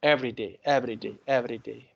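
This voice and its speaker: A man's voice: mid-range voice, steady tone, quick pace, gravelly, muffled recording. A man in his late thirties with a Serbian accent, teaching an online English lesson and encouraging his student, repeating words for emphasis. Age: 30s.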